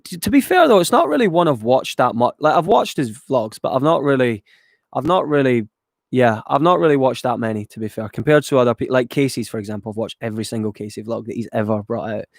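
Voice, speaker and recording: Reading questions from his viewers' chat, a Scottish YouTuber from just west of Glasgow rambles through his answers with plenty of ums and offhand swearing. He talks fast, with lively intonation and vocal fry in a mid-range voice. The sound is clean studio audio with no room sound.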